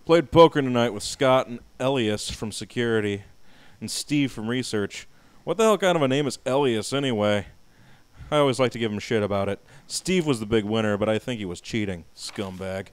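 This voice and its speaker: A young man co-hosts a let's play, reading a game diary entry aloud with mock drama, laughing loudly and joking with his partner. His mid-range voice is clear and resonant at a moderate pace, in a dry recording.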